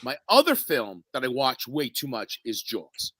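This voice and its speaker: A man's voice: medium pitch, huge pitch swings, measured pace, sharp tone, no echo. A man chatting as a guest on a casual panel, often hesitant and restarting his sentences.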